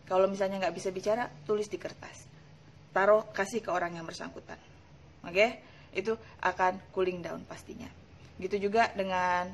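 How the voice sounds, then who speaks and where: A woman's voice: medium pitch, a bit bright, slight background noise. Chatty woman in her thirties. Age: 30s. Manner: chatty, laughs often, mixes English phrases. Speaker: hypnotherapist. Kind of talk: casual live-stream Q&A.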